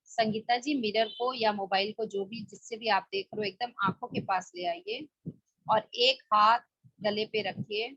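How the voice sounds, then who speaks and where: A woman's voice: mid-range voice, fairly even intonation, a little slow, fairly bright tone, dry recording, highs cut off. A woman leading a guided self-help class, talking listeners through a mirror exercise with repeated, coaxing instructions. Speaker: meditation and self-help teacher.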